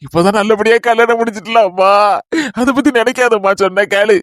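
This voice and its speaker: A patient older brother, played by a man in a homemade family drama, soothing and pleading with his sister again and again. His voice is unusually high for a man, and the sound is dry and close. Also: fairly even intonation, brisk, no room sound, close to an everyday voice. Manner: pleading, soothing, repeating endearments.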